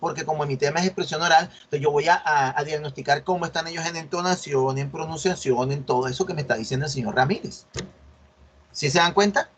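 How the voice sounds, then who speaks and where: On the high side and a bit bright, this man's voice moves quickly, with a little hiss or hum audible. He explains a research assignment to an online university class, correcting students and often asking "¿sí ven?"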